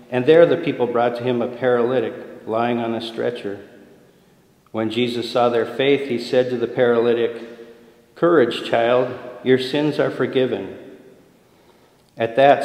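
A man reads scripture at Mass in a measured, formal cadence. His voice sits at an ordinary pitch for a man, and the cathedral echo carries each phrase away with a long reverb tail. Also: a little mellow. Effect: cathedral echo, long church reverb. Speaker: deacon reading at Mass. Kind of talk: liturgical scripture reading. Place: large church. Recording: echoey large church with long reverb.

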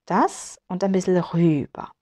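This piano tutorial features a woman with a German accent who patiently explains and demonstrates at the keyboard, with piano playing in the background. Her voice is lowish, mellow, and expressive, and she speaks unhurriedly.

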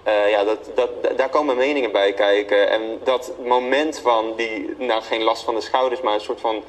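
A man's voice: fairly low pitch, fairly even intonation, normal speed, rough recording. Young man, modest, hesitant. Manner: modest, hesitant with many fillers and short agreements. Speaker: guest singer. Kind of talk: casual interview.

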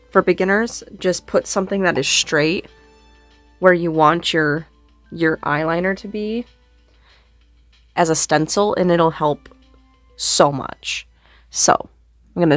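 Slowly and with frequent pauses, a makeup vlogger with a fairly low, slightly sore voice makes self-deprecating small talk during her get-ready-with-me routine. A close desk mic on a boom arm records her in a small bedroom with a red curtain behind, no echo, and soft background music.

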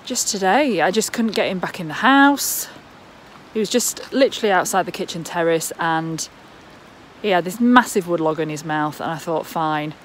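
Her pitch sits fairly low and her pace is moderate as the vlogger voices her worries into a phone held out at arm's length, with a little hiss or hum on the recording. The casual vlog covers rural outdoor scenes and moments at home.

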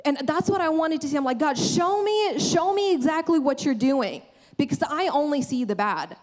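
A young woman delivers a sermon from a large church stage. Her voice sits a little high, and her earnest, conversational delivery is full of restarts and asides. She speaks into a handheld microphone. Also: expressive, moderate pace, darkish tone.

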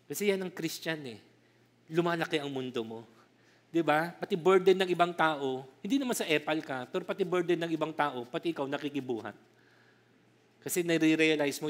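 A middle-aged Filipino man preaching a lively sermon in Tagalog and English, joking with the congregation and calling for amens. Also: sits high. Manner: lively, jokes with the congregation, calls for "Amen". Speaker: pastor.

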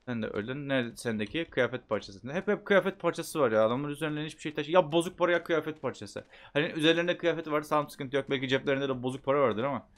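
A man's voice: on the high side, quick pace, few pauses. Chatty man narrating gameplay. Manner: chatty, talks to himself, bursts into loud shouts at the game. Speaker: gameplay streamer. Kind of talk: casual gameplay commentary.

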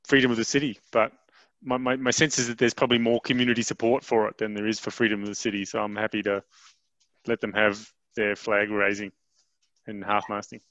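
A man's voice: fairly low pitch, flat delivery, brisk, fairly bright tone, no room sound. A man on a council video call gives his opinion bluntly and plainly. His audio comes through dull and dry, with no room sound. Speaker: council member. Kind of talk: meeting discussion.

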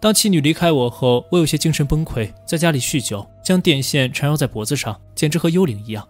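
A man's voice: a little high, animated, fast, soft background music. A man reading as a weary, guilt-ridden divorced man. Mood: subdued.

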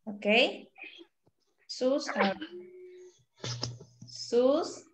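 Woman teacher, online class, slow patient delivery, fairly high voice, pupil roll call. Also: background noise. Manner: patient, calls on pupils by name, drills syllables slowly. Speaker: primary school teacher. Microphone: video call microphone.

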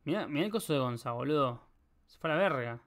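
A man's voice: mid-range voice, animated, quick pace, fairly bright tone. A young man with a Rioplatense Spanish accent, chatting casually on a live stream while he solves a puzzle, rambling, joking and swearing. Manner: rambling, joking, swears a lot, talks to chat.

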